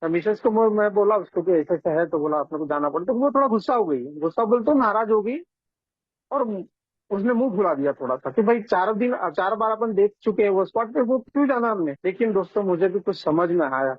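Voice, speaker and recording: Husky man sharing over a tinny line. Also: sits high, lively intonation, brisk, no echo. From India. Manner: earnest, conversational, often addresses listeners as friends. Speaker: AA member sharing his story. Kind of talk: personal recovery testimony. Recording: tinny phone-line audio.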